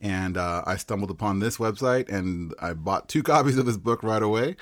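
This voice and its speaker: An enthusiastic man co-hosts a casual interview, chatting freely. His voice sits on the low side. The sound is dry and close. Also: animated, normal speed, a bit bright, no echo. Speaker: co-host.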